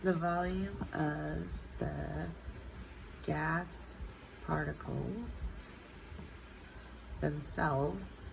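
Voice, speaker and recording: A chemistry teacher with a low, congested voice and a stuffed-up nose explains a lesson at an unhurried pace. She draws out her words, uses vocal fry, and fills her pauses with plenty of ums. A steady, noisy hiss runs behind the recording.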